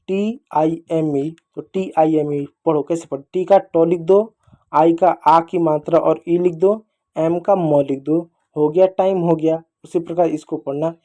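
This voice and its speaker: A man's voice: on the high side, warm tone. A man with a Hindi accent teaching children to read English phonics, patient, repeating rules and asking questions back. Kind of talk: phonics lesson.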